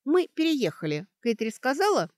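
A woman reading an audiobook, voicing a sharp-witted young girl student who talks in a brisk, mocking way as she reasons things out. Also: high voice, big pitch swings, no echo, clean studio sound, voice pushed up. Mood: reasoning.

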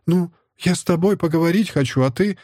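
A man reading an audiobook and voicing a worried middle-aged wife, lifting his husky voice for her gentle, coaxing lines. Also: brisk, dry recording, studio quality, lightly acted. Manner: gently coaxing, raised pitch. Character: anxious, tender middle-aged wife and mother. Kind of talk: audiobook character voice.

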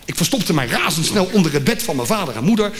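A man from The Hague tells a comic story on stage, in a slightly high voice that jumps about as he acts out every voice. The live theatre recording carries a long hall reverb, with audible background noise and audience laughter. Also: very animated, quick pace, crowd noise. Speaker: comedian.

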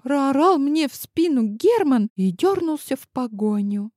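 A woman narrating a story in the first person, lively and expressive. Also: high-pitched, measured pace, no room sound, clean studio sound. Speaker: audiobook narrator.

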